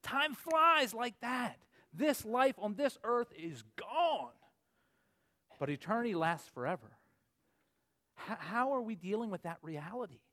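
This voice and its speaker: Forties male preacher, high-pitched, earnest, builds to emphatic peaks. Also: big pitch swings, a little slow, sharp tone. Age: 40s. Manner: earnest, rising to emphatic peaks then dropping low. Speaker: pastor. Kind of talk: sermon.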